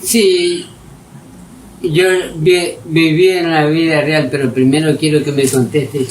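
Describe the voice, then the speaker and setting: A man tells stories from his own life in a lively, casual way, acting out his own shouts. His voice sits a little high. He is recorded from a distance with loud noise and dogs barking behind him. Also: takes it slowly. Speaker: storyteller interviewee. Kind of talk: casual oral-history storytelling.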